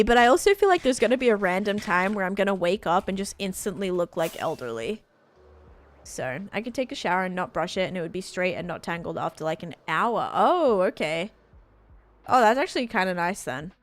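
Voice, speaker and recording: A woman's voice: mid-range voice, no echo. A woman, chatting casually and rambling with lots of fillers while she streams a game. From Australia. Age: late 20s. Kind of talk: casual chat while gaming.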